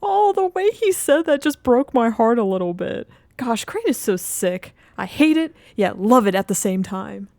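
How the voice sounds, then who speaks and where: A woman's voice: a little high, very animated, moderate pace, vocal fry, a little mellow, no echo. A woman giving casual, enthusiastic fan commentary as a video host reacting to game audio.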